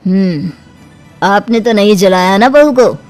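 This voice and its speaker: A woman's voice: medium pitch, measured pace, darkish tone, soft background music, natural voice. Woman voicing a stern cartoon doctor. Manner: stern, warning. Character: stern male doctor, firm and warning.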